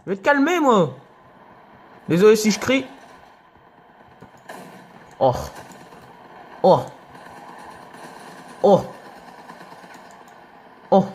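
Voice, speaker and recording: Young guy yelling over his game, high voice that jumps all over. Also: drawn-out words, pauses often, a little hiss or hum. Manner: excitable, shouts and yelps at enemies, laughs often. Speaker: gaming youtuber. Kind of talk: let's play commentary.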